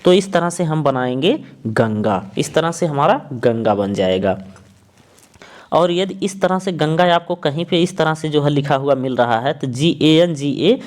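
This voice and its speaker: A man teaching a lesson, explaining patiently and repeating each point while he spells out letters slowly. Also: on the high side, animated, a little mellow.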